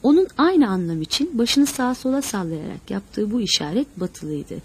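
A woman narrating a novel in an expressive storytelling manner. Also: mid-range voice, normal speed, husky. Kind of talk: scripted audiobook narration.

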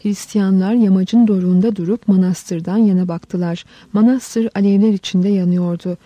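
A woman narrating a historical story in a measured, dramatic reading. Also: medium pitch, steady tone, warm tone, no room sound. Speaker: audiobook narrator.

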